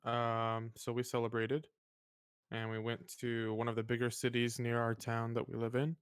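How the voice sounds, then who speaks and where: Clear-voiced man co-hosting, dry close sound. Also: medium pitch, monotone, normal speed, dry recording. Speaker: podcast co-host. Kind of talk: casual chat.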